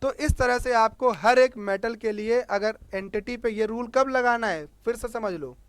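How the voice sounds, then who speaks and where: A male chemistry teacher with a Hindi accent gives a board lesson to students in a high, smooth voice, with no echo. He poses questions and answers them himself, repeating key words back to the class as questions.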